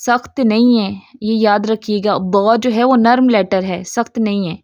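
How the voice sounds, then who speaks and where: A woman teaching Quran pronunciation, explaining a diagram, often checking in and demonstrating sounds slowly over and over. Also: mid-range voice, steady tone, darkish tone, no echo, studio quality. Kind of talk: tajweed lesson explaining a diagram.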